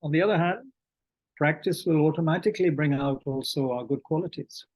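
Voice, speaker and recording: Halting man giving a dharma talk. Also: on the high side, a little mellow, rough recording. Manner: halting, many fillers and restarts, clears throat often. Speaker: Buddhist meditation teacher. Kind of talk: dharma talk, reading questions from chat.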